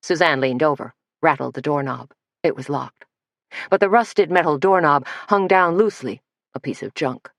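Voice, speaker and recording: Low-voiced woman reading a mystery. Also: creaky, no room sound, studio quality. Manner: steady, measured reading. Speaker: audiobook narrator. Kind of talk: scripted narration.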